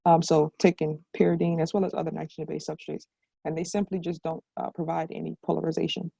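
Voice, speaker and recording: A woman's voice: sits low, level tone, fast, creaky, mellow, breathy edge, no echo. A young woman researcher giving a semi-formal scientific presentation on a video call.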